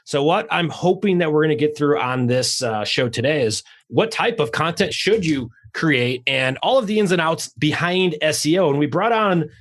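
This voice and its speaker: A man hosting a podcast over a call, talking fast and raw with casual swearing and lots of energy. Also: fairly high pitch, animated. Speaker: podcast host. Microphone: remote call recording.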